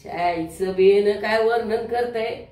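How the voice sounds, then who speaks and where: In a one-act play competition, a female stage actor performs a theatrical monologue as a lecherous, boastful middle-aged businessman and father who is crude and bullying. Her mid-range, slightly mellow, natural voice moves slowly, leering, swaggering and colloquial. The distant microphone catches an echoey hall.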